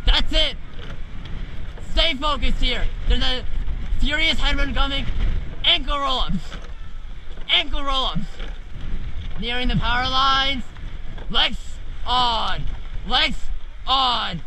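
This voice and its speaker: A man's voice: very high-pitched, slow, pauses often, sharp tone, poor audio. A teenage male coxswain calling out urgent, clipped, repeated commands to a rowing crew. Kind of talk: shouted race calls to a rowing crew. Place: outdoors in a racing shell on a lake. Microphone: camera mounted on the boat near the speaker. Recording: action camera outdoors, wind and water noise.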